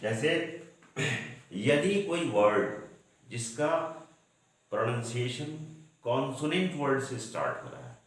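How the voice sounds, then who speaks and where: A man teaching a grammar lesson, slow and patient, often checking in with the class. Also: medium pitch, big pitch swings. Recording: very echoey room.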